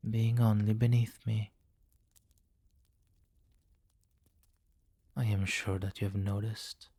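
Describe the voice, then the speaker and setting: His mellow, lowish voice stays level as he plays a possessive vampire king in an intimate ASMR fantasy scene. Formal and deliberate, he carries courtly, doting, commanding authority, sounding imperious and persuasive.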